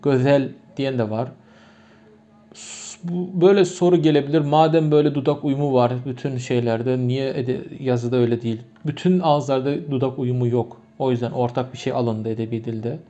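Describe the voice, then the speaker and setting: Turkmen-accented man teaching, mellow dull sound. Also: medium pitch, steady tone, normal speed. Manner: explains patiently with many examples and repetitions. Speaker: language teacher. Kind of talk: lesson. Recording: muffled lo-fi recording.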